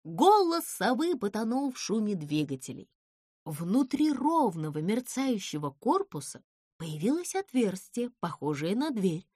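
A woman narrating a children's storybook with an expressive, animated reading. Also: on the high side, dry recording, studio quality.

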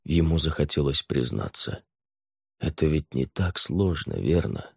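Мужчина читает аудиокнигу размеренно и ровно. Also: male voice, rumbling low, lively intonation, a little slow, creaky, breathy edge, no echo, clean studio sound. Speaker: narrator. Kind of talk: audiobook narration.

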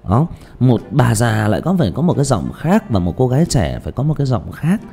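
A man's voice: mid-range voice, big pitch swings, fast, creaky, warm tone, breathy edge. A man hosting a casual livestream, rambling with frequent restarts and repeated words. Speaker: livestream host and ghost story reader. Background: faint background music.

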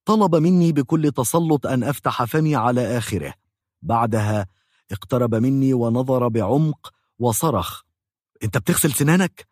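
A man's voice: medium pitch, normal speed, darkish tone, no room sound, studio quality. A man with an Egyptian Arabic accent telling a comic first-person story in a mock-dramatic, exaggerated way.

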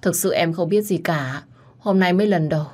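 A woman's voice: lowish voice, normal speed, a little mellow, close to an everyday voice. A woman voicing a frightened young woman teacher who pleads and cries out. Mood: pleading. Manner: pleading, tearful.

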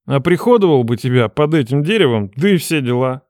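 A cocky young lifeguard with a low, rough-edged voice, as a woman narrator puts him on, drawling mockery at a frightened girl in an audiobook. He sounds teasing and condescending, and the voice is close and dry. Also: lively intonation, fairly quick, a little mellow, no echo. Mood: smug teasing. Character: mocking, brash young male lifeguard.

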